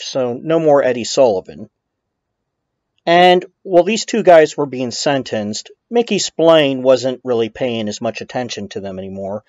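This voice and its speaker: A man's voice: medium pitch, darkish tone, dry recording, muffled recording. A man narrating a true-crime documentary in a conversational, opinionated way, with blunt emphasis.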